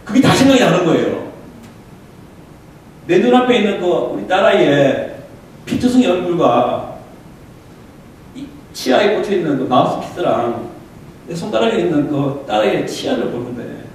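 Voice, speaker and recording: Middle-aged male pastor, high lively voice, preaching from afar in a roomy church hall with faint hiss. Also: normal speed, pauses often, far from the mic. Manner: swings from low confiding tones to loud impassioned preaching; asks the congregation rhetorical questions. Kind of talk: revival sermon with personal testimony. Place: church sanctuary.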